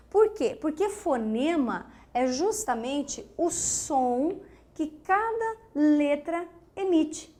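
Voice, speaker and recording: A Brazilian Portuguese teacher with a high, bright voice walks her class through sounds and letters. She speaks slowly, asks questions of her students, and counts aloud. She often sounds out a letter as a short breathy puff. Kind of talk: classroom lesson explaining phonetics.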